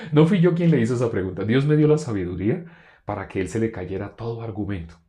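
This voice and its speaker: Animated low-voiced male preacher. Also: a little fast. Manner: animated storytelling, loudly quotes a shouting man. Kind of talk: testimony sermon.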